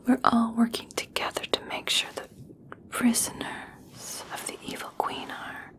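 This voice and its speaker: A gentle elf princess, played by a woman whispers softly and very slowly. The voice is fairly high, breathy and hushed, soothing and reassuring in the manner of an ASMR fantasy roleplay. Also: flat delivery, natural voice. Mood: soothing, caring. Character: kind, reassuring young elf princess of a royal family. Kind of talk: ASMR personal attention roleplay.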